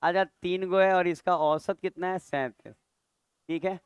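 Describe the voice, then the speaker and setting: A man's voice: sits high, fairly even intonation, normal speed, clean tone, dry recording. A man teaching a maths class, chatty and scolding, quizzing students aloud. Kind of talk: classroom lecture.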